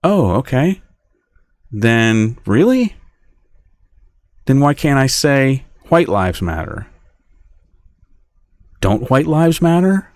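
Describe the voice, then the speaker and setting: A man's voice: medium pitch, expressive, slow, long pauses, smooth, dry recording, studio quality. A man hosting a podcast, talking in a rambling, indignant monologue and acting out imagined back-and-forth dialogues. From United States. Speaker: podcast host. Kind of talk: casual monologue.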